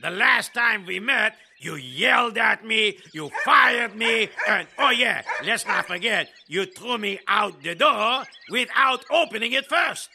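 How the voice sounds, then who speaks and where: A man doing a fretful gravelly mill worker. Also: high-pitched, expressive, a little slow, few pauses, pushed and bright, a little hiss or hum, exaggerated voice. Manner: fretful, exclaiming, pleading. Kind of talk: audio drama acting.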